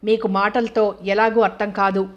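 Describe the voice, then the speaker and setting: A woman's voice: mid-range voice, level tone, fairly quick, lo-fi sound, natural voice. A woman voicing an angry, hurt young wife who accuses her husband with bitter sarcasm. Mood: bitter, reproachful.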